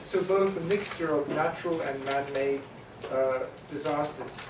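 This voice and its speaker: The speaker is a male panel moderator with a somewhat high voice, a New Zealander who grew up speaking Maori. He pauses often, restarts, and uses many hesitant sounds as he summarizes. His words echo around a conference hall, caught from afar with a persistent hiss.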